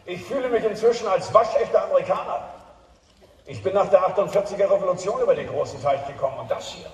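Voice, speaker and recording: An actor playing a friendly, proud German emigrant settler with a hearty, laughing delivery. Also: male voice, high voice, quick pace, lightly acted. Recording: echoey hall from far off, soft music.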